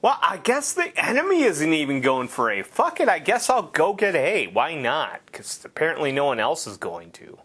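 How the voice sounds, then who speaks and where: A man talking over his gameplay in a rambling, sarcastic way, swearing freely. His voice sits a little high for a man and swings widely in pitch. It sounds loose and off-the-cuff. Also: wildly swooping pitch, moderate pace, few pauses, fairly bright tone, slightly rough. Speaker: gameplay commentator. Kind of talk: casual gameplay commentary.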